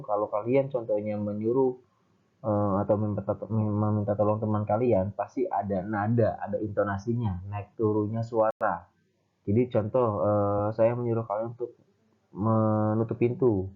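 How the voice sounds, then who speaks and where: A man's voice: lowish voice, fairly even intonation, moderate pace. A male teacher giving a grammar lesson, explaining step by step with frequent fillers. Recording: tinny phone-like sound.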